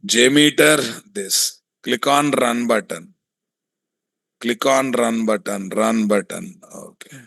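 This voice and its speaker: A man with a Telugu Indian accent giving a hands-on software tutorial, thinking aloud, repeating himself and often putting questions to his students. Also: medium pitch, takes it slowly, creaky, no room sound, clean studio sound. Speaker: software testing instructor.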